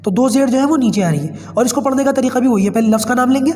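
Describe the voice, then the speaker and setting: A man's voice: extremely high pitch, a little mellow, in a large hall. A man teaching Quran reading in an online class, patiently spelling out drills, with a cold and a cough, speaking with a Pakistani Urdu accent.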